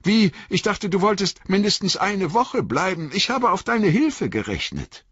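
A man's voice: high-pitched, very animated, unhurried, fairly bright tone, husky, no echo, voice pushed up, exaggerated voice. A man reading an audiobook, voicing a young, earnest male hobbit who is anxious and eager. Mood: alarmed. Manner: eager, rising and pleading. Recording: dull lo-fi audiobook recording.

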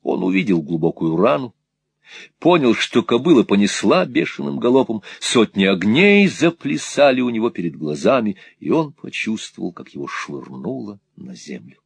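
A man narrating a classic novel as an audiobook, with measured and dramatic storytelling. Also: lowish voice, big pitch swings, creaky, husky, no echo.

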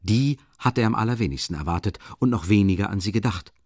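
A man narrating a literary audiobook in a measured, calm and deliberate way, recorded in a studio. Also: fairly low pitch, no echo.

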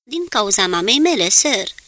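A man's voice: high voice, very animated, bright, forceful tone, no echo, heavily acted. A woman reading a nervous young male ship's machinist who speaks in hesitant, broken-off sentences. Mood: halting, anxious.

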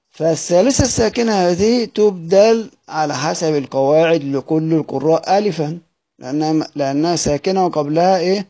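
A man with an Egyptian Arabic accent gives a patient lesson, his voice slightly high and soft in tone. He slows down to repeat words sound by sound and poses his own questions before answering them. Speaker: teacher of Quranic readings. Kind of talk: explanatory lesson.

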